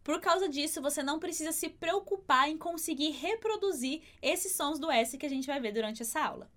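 A woman leads a language lesson in a high, light voice. She explains clearly and patiently, slowing right down whenever she demonstrates a sound. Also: expressive, a bit bright. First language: Portuguese. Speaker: Spanish pronunciation teacher.

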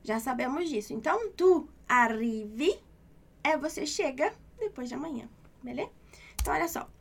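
A woman with a Brazilian Portuguese accent teaches an Italian lesson in a high, light voice. She goes slowly and patiently, repeating each example. She keeps checking that the listener is following. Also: lively intonation. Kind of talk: online language lesson.

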